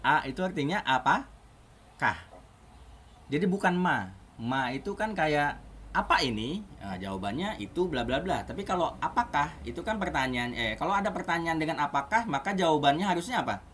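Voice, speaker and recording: Casual man teaching lively. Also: fairly high pitch, normal speed, slight background noise. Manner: casual, chatty explaining with rising questions. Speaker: Arabic teacher. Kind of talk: online class lesson.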